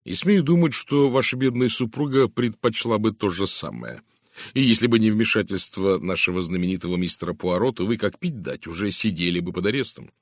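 A man voicing a brisk, hearty middle-aged police inspector who talks loudly and with energy. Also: lowish voice, expressive, no echo, studio quality.

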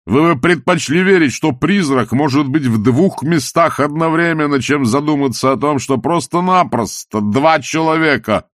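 A man's voice: fairly high pitch, normal speed, few pauses, fairly bright tone, dry recording, clean studio sound, voice pushed up, lightly acted. A man voicing a scheming, mocking male opera villain who speaks in a sneering, theatrical, taunting way.

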